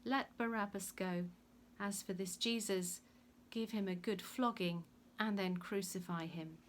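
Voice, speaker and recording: A woman's voice: medium pitch, fairly even intonation, measured pace, a little hiss or hum, close to an everyday voice. A woman voicing a sly, contemptuous Roman governor in a dramatic Bible story reading. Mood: commanding. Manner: mock-horrified, sneering.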